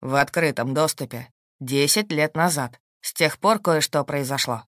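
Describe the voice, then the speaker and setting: A woman reading an audiobook, voicing a calm, shrewd and protective husband in a steady, dry, matter-of-fact way. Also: sits low, normal speed, no echo, voice pushed down. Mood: calm, firm. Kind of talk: audiobook character voice.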